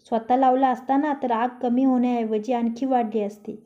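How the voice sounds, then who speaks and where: A woman's voice: on the high side, steady tone, normal speed, dark tone, muffled recording, lightly acted. A woman voicing a grumpy, sarcastic young man. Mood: irritated sarcastic. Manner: taunting, sarcastic. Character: young man, grumpy, teasing, quick to snap.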